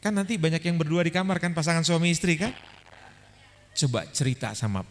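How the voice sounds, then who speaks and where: High-voiced male pastor in a hall. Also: brisk. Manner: animated storyteller, addresses audience directly. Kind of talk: humorous sermon seminar. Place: large hall before a live audience. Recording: echoey hall with faint music.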